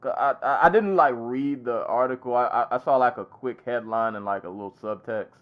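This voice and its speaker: A man's voice: medium pitch, brisk, a bit bright. A man co-hosting a podcast in casual chat. He talks in a laid-back way and laughs often. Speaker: podcast co-host.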